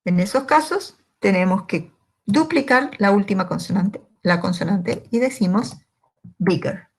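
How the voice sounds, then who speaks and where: Female language teacher, unhurried, patient, asks the class questions and answers them herself. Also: mid-range voice, lively intonation, creaky, breathy edge. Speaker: English teacher. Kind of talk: slow, step-by-step grammar lesson.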